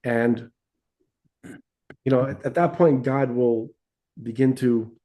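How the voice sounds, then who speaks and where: Speaking slowly in a mid-range voice with a dark tone, this podcast co-host muses about religion in a loose, casual way. His thoughts wander, he frequently starts over, and he leans on "right?" and "okay?"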